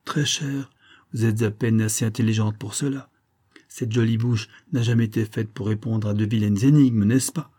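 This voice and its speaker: A man reading the part of a scheming, smooth-talking middle-aged army major, pompous and theatrical, mock-affectionate toward his wife. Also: on the low side, fairly even intonation, moderate pace, warm tone, natural voice.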